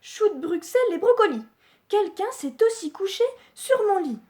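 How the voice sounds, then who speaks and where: A woman reading aloud who voices an indignant mother bear in a storybook, exclaiming loudly. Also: very high-pitched, very animated, normal speed, voice pushed up.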